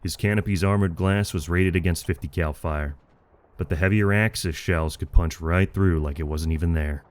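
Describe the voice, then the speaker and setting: Reading from a script, a male narrator delivers a military adventure dramatically. He speaks in a low register with a slow, solemn storyteller's pacing.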